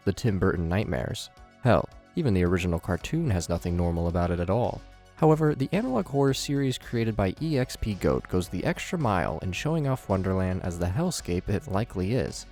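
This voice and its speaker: A man with a low, darkish voice hosts and narrates a scripted horror commentary video, presenting theatrically with wry asides over background music.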